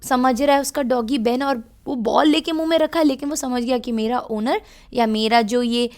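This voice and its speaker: A woman's voice: high voice, normal speed, a little mellow. A woman with an Indian English accent teaching a children's reading lesson, patiently explaining as she switches between Hindi and English.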